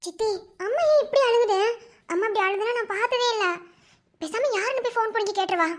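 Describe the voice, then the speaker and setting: A woman's voice: very high-pitched, fast, soft background music. A woman voicing an anxious little girl in a cartoon, asking questions about her mother. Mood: worried.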